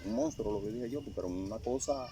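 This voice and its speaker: An older man recounting a personal testimony in casual storytelling, halting and repeating phrases as he remembers. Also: fairly low pitch, noisy background. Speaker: interviewee sharing a testimony.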